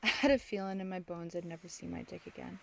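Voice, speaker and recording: In a noisy amateur recording of an old-time radio play, a woman portrays a tough young factory widow in grief. Her voice is lowish, gravelly and a bit bright, with a steady tone and quick pace, and she sounds brusque, slangy and impatient.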